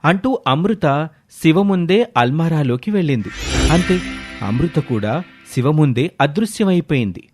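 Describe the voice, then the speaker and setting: Storybook narrator: man, fairly high pitch, clear steady reading over soft music. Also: unhurried. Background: faint background music.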